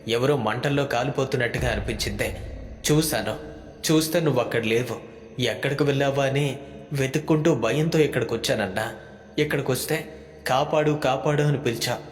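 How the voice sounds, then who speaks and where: A man voicing a frightened young companion in a ghost story, talking in an anxious, rushed way. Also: mid-range voice, lightly acted. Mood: frightened pleading. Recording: echoey hall with background music.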